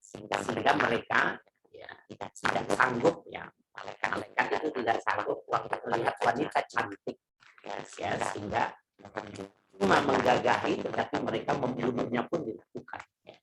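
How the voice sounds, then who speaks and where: A man giving a religious lecture on verses over an online call. His voice comes through crackling, glitchy, distorted mic audio. He explains in measured phrases with many fillers. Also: mid-range voice, gravelly. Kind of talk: Quran commentary lecture. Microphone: microphone on an online video call.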